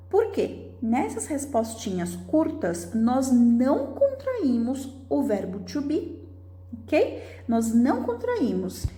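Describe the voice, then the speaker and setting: A woman, a Portuguese speaker, teaches a beginner English lesson. She reads the example sentences slowly and clearly and often checks in with her viewers. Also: fairly high pitch, dark tone. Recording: roomy, echoey sound.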